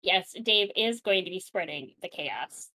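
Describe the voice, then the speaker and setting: A woman's voice: on the low side, expressive, measured pace, pushed and bright, low-quality recording. A woman co-hosting a casual podcast chat, laughing often and swearing freely. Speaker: podcast co-host.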